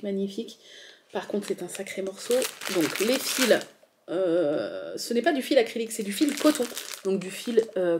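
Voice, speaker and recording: A woman's voice: medium pitch, a little mellow, a little hiss or hum. A woman vlogging about cross-stitch kits in a chatty, enthusiastic way, full of fillers and restarts. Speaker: embroidery vlogger. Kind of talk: casual show-and-tell vlog.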